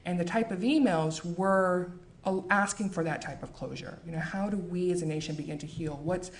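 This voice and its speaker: American woman, author, book talk and reading, measured and earnest, lowish voice, faint noise behind. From United States. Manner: measured, earnest, with frequent fillers.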